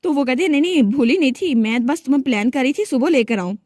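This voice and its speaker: Higher-voiced woman retelling a comic story. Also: lively intonation, fast, darkish tone, no echo, studio quality. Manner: narrates plainly, voicing every character in her own voice.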